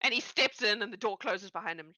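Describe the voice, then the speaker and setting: A woman's voice: mid-range voice, fairly quick, pushed and bright, no room sound, rough recording. A woman narrating a tabletop game as game master, chatty and playful. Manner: chatty and playful, with many fillers.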